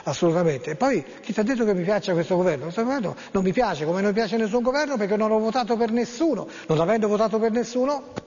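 Chatty high-voiced TV host. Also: male voice, expressive, darkish tone, long reverb tail, lo-fi sound. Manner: chatty, teasing, many drawn-out fillers. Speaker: TV host reading viewer text messages. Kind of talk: jokey live TV call-in chat.

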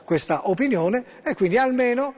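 A man's voice: extremely high pitch, expressive, normal speed, slightly rough. A man hosting a radio show, chatting in a rambling, hesitant way with many fillers and reading a story aloud. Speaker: radio host. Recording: dull lo-fi sound with long reverb.

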